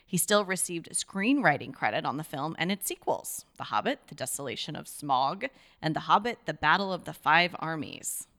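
A woman's voice: deep voice, very animated, moderate pace, fairly bright tone. A woman co-hosting a casual chat, reading facts aloud from notes with fillers.

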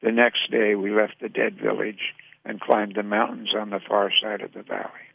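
A man giving a measured, sombre literary reading, recorded with a tinny, dry radio sound. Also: lowish voice, little pitch movement, vocal fry, breathy edge, no echo.

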